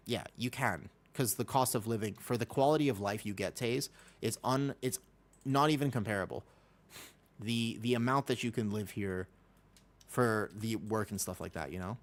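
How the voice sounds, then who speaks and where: Slangy, excitable male game streamer. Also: mid-range voice. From Texas, United States. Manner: slangy, excitable, repeats himself. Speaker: game livestreamer. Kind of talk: casual chat and gameplay commentary.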